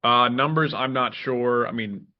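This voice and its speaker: A man talks through a casual sports podcast chat in a mid-range voice, animated and quick to restart his sentences. The audio is a little dull and lo-fi. He stirs in short acted-out quotes as he goes. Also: medium pitch. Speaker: podcast co-host.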